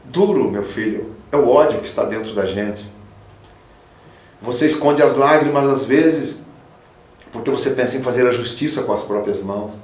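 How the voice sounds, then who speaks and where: A man, a pastor, preaching a radio sermon, fatherly and emphatic, swinging from loud peaks to soft low tones. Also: reverberant, recorded from a distance. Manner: fatherly, calls listeners 'filho'. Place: radio studio.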